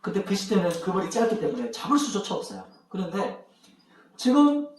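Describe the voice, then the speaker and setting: A man's voice: high-pitched, big pitch swings, fairly quick, a little mellow. A male pastor telling a Bible story to children, asking them questions as he goes. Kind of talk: children's sermon. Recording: echoey room, mic far off.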